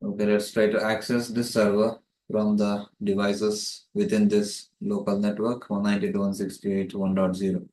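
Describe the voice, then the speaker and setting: This networking tutor speaks on the low side, a little mellow, at a moderate pace with a completely flat delivery. He walks through the tutorial step by step, explaining methodically. His voice echoes in the room because the microphone is placed far away.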